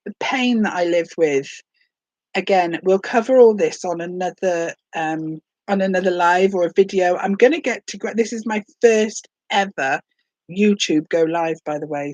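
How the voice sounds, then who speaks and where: A woman in her late forties from Hereford, England, records her first-ever vlog while full of a cold and nursing a sore throat, chatting casually and rambling a little. She's chatty and self-deprecating. Her voice is on the low side and darkish, with no room sound.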